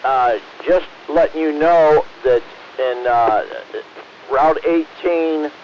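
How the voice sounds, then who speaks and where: A man giving a halting report as a caller over a two-way radio. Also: a little high. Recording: muffled radio signal with faint hiss.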